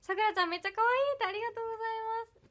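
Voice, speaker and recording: A high, bright young woman speaks in an Iyo dialect with touches of Kansai, chatting casually on her livestream. She is bubbly and giggly and thanks viewers one by one. Her voice is crisp and lively. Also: very fast. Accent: Iyo dialect with some Kansai. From Ehime, Japan. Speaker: idol livestreamer. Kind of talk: casual livestream chat reading comments.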